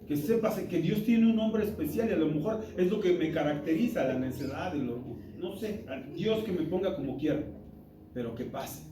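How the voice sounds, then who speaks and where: A man's voice: high voice, animated, brisk, hardly any pauses, crowd noise. A man teaching an interactive church Bible lesson, talking in an emphatic, conversational way and quizzing the listeners. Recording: roomy hall, distant mic, music behind.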